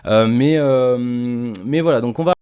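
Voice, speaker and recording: A man who works as a voice-over artist, explaining himself to his viewers in a casual vlog, halting and restarting often, with wry asides. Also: mid-range voice, mellow, clean tone, no room sound. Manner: direct address to viewers.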